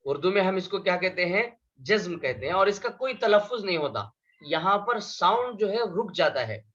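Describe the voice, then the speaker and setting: A man's voice: sits high, expressive, fairly bright tone, highs cut off. A man teaching a beginners' Arabic class, explaining patiently, repeating points and asking his students questions. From India. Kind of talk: beginner language lesson.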